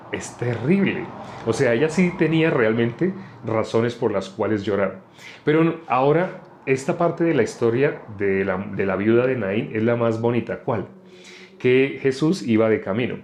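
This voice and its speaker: A man, preaching a relaxed Bible lesson. He talks the way you'd chat with friends and keeps checking in with his listeners. His voice sits at an ordinary middle pitch. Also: slight background noise. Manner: conversational, asks the listeners questions. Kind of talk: informal sermon on a live stream.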